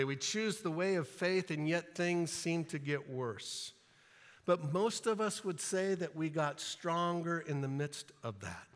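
A man preaching from a church platform, his voice bright and ringing with a slightly raised pitch. He speaks slowly and deliberately, leaning into emphatic lines and acting out scenes in playful asides. The sound carries a long reverb from the sanctuary. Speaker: pastor. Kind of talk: sermon.

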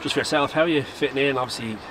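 A man's voice: medium pitch, racing. An Irish man interviewing a player after a match, asking chatty, rambling questions outdoors at a stadium at night. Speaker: club interviewer. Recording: outdoor traffic noise.

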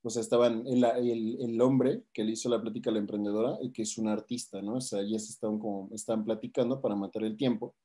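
A man's voice: on the low side, fairly even intonation, quick pace, few pauses, dark tone. A man with a Mexican accent, a coach casually retelling a book, rambling and tagging his sentences with questions. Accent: Mexican Spanish. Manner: rambling, tags lines with "¿no?".

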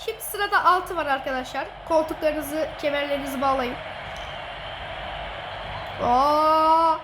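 A woman with a very high, piping voice gives excited running commentary over a football video game. She teases and gloats at her opponent and laughs a lot. The recording is noisy, with game sound behind her. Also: a little slow. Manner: teasing, gloating, laughing often. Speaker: gamer streamer.

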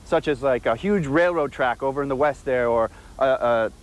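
A man's voice: mid-range voice, moderate pace, poor audio. A young man interviewed live outdoors, friendly and plain-spoken. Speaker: Lego builder, interview guest. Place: outdoors on a park lawn. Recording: faint outdoor background noise.

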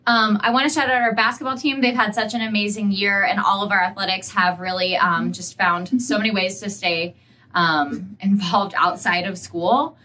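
A woman's voice: medium pitch, fairly even intonation, moderate pace, bright, forceful tone. A young woman on the school staff, hosting a celebratory video message indoors and talking eagerly with many fillers. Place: indoor school room, seated side by side.

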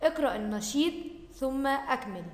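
A woman with an Egyptian accent teaches a primary class, her voice pitched high. She drags out example words slowly and then drops into quick explanations. The room is roomy and reverberant. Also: expressive. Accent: Egyptian Arabic. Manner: slow, stretched repetition of words for pupils, then quick asides. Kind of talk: recorded Arabic grammar lesson. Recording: echoey room with long reverb.

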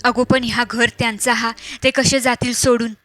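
A woman as a calm coaxing village healer. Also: fairly high pitch, moderate pace, dry recording, natural voice. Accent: Malvani.

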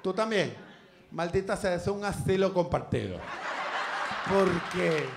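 A man's voice: high-pitched, animated, brisk, gravelly, noisy background. A man with a Venezuelan Spanish accent doing a live stand-up set on a comedy club stage, crude, profane and teasing the crowd.

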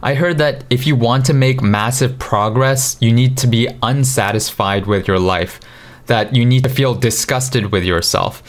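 Unhurried and candid, a thirty-something vlogger pokes fun at himself as he confesses to camera. The setting is a small, dark bedroom at night, with a studio mic on a boom positioned in front of him, and his tone stays conversational.

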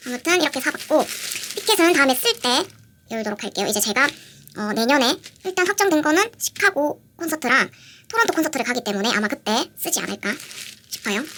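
A young woman vlogging as she unboxes merchandise, gushing and excitable, repeating how cute everything is. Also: high voice. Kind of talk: casual unboxing vlog. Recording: audible background noise with crinkling packaging.

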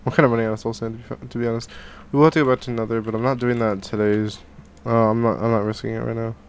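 A young man who's catching a cold hosts a gaming channel, rambling through casual Minecraft let's play commentary in his home gaming room, full of fillers and restarts. His voice is medium-pitched, level, clear and resonant, and he talks rapid-fire into a headset and a studio mic at his desk.

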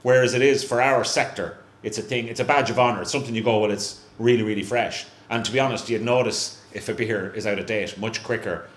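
This guest from a brewery, a middle-aged Irish man, talks fast with few pauses in a lowish, steady voice. His onstage chat at a live event is casual, self-deprecating and full of false starts. The recording comes through a handheld mic on a stand in a small, echoey venue room with a stage and a faint hum.

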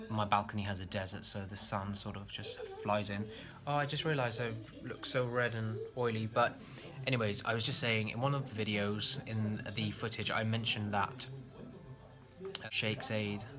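A young man chatting casually to his phone camera in a small hotel room, rambling with fillers and restarts as a travel vlogger. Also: lowish voice. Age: young adult. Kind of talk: casual to-camera vlog chat. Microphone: phone front camera held close.

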